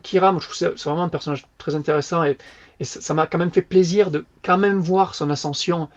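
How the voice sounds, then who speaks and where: A man with a somewhat high voice talks through a book review in a loose, lively way, dropping slang as he goes. The podcast audio sounds muffled and lo-fi. It feels like an easygoing chat among co-hosts. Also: fast talker. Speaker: podcast co-host.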